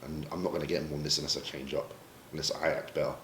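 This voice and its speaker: Very deep british guy opening up in an interview, swears a lot, bit of room echo and faint hum. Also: little pitch movement, very fast, a bit bright. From Britain. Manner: emotional, reflective, swears casually. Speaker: pro bodybuilder guest. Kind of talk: candid sit-down interview. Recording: roomy echo, faint ambience.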